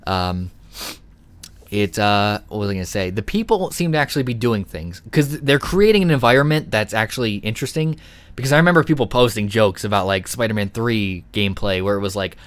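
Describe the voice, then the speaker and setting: A young man with a slightly low voice talks on his own podcast. He rambles, gets excited, swears often and fills every pause with "like" and "um". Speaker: podcast host. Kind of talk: solo live podcast chat.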